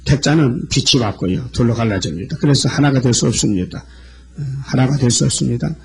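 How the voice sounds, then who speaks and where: A man's voice: medium pitch, brisk, creaky, a little mellow, breathy edge. A man preaching a sermon, reading scripture verses aloud and explaining them one by one. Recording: old lo-fi church sermon tape.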